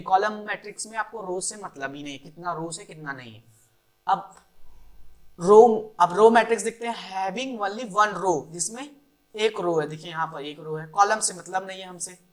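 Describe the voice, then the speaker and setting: A woman's voice: medium pitch, moderate pace. A woman maths teacher giving a board-exam revision lesson, counting rows and columns aloud and answering her own questions, with in.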